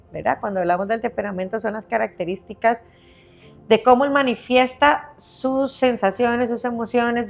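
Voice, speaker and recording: Patient, higher-voiced woman explaining. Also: gravelly. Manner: patient, explains step by step, often asks "¿verdad?". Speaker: health specialist guest. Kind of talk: explanatory podcast conversation.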